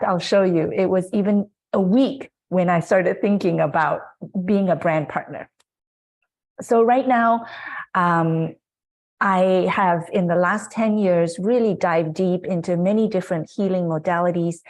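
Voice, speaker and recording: A woman's voice: lowish voice, a little mellow. A woman in her forties from Malaysia giving an earnest, reflective presentation about her life and work, with frequent fillers. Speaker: guest speaker. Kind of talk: presentation talk.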